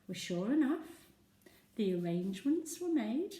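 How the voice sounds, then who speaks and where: A woman's voice: fairly high pitch, big pitch swings, measured pace, warm tone. A woman, telling a chatty first-person comic monologue with sung and whispered asides. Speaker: storyteller. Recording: roomy echo, voice from a distance.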